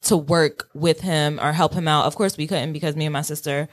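Lowish-voiced woman, reflective and informal. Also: fairly even intonation, fairly quick. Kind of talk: casual reflective conversation.

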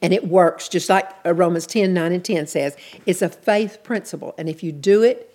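A woman's voice: on the low side, moderate pace, darkish tone. A woman teaching a sermon in an earnest, plainspoken way, repeating her key points. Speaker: Bible teacher.

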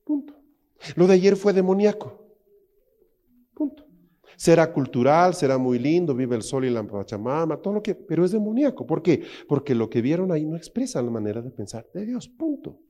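A man's voice: fairly high pitch, big pitch swings, moderate pace, dark tone. A man preaching a sermon with emphasis, often asking the congregation rhetorical questions.

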